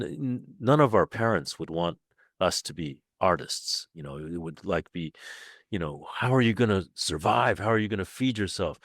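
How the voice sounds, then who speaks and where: An older man from Taiwan, a playwright guest in a relaxed interview, speaking thoughtfully with many repeated words and restarts. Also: low voice, dry recording, studio quality.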